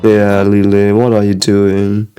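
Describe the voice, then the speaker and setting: Over soft background music, a German man with a lowish, smooth, mellow voice reacts to an anime in a slow monotone. His casual commentary wanders, full of hesitations, fillers and frequent swearing.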